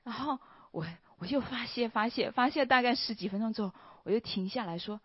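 Woman, church testimony, earnest and hesitant, mid pitch, muffled dry recording. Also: husky, dry recording. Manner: earnest, with soft pauses and a trailing "ha" particle. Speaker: church member giving testimony. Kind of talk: personal testimony. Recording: dull, slightly lo-fi, dry recording.

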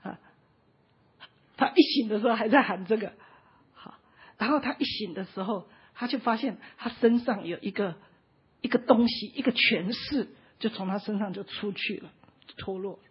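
A woman's voice: medium pitch, normal speed, long pauses, breathy edge. A woman, preaching an emotional sermon, impassioned and often close to tears, dotting her sentences with little "ha" tags. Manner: impassioned, often near tears, frequent "ha" tag particles. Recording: dull lo-fi recording.

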